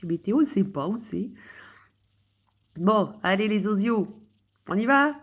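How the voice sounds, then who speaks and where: A woman's voice: medium pitch, animated, unhurried. A woman chatting casually with her viewers, rambling and joking at her own expense. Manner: rambling, self-mocking and joking. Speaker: streamer explaining her own texts.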